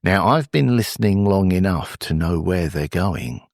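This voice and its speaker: A man's voice: deep voice, expressive, moderate pace, vocal fry, darkish tone, no echo, clean studio sound. A man voicing an alluring, mysterious woman with a persuasive proposition, in a tabletop role-play. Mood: scheming.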